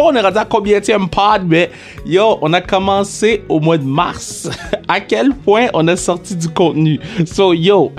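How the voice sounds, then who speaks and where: A young man with a Quebec French accent hosting a casual podcast, hyped and playful, dropping English slang into his French. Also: sits high. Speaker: podcast host.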